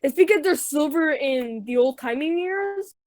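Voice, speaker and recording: A woman's voice: high-pitched, expressive, normal speed, darkish tone, no echo. A young woman from Mexico, co-hosting a casual podcast and rambling through tangents with lots of fillers. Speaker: podcast co-host. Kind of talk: casual chat.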